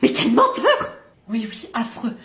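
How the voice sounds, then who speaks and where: A woman's voice: a little high, sing-song, a little slow, fairly bright tone, echoey room. A woman playing a jealous, sarcastic wife calling her partner in a comedy sketch. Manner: sarcastic, theatrical.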